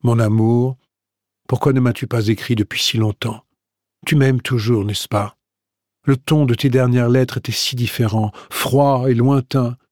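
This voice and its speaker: A man's voice: medium pitch, fairly even intonation, a little slow, darkish tone, no room sound, studio quality, natural voice. A man reading out an anxious, pleading love letter from a young woman in an audiobook.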